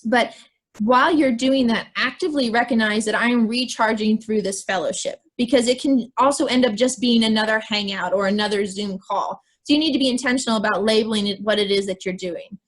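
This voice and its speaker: A woman with a squeaky voice giving a chatty, encouraging wellness talk to students over a video call, full of fillers. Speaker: wellness presenter. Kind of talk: informal presentation to students.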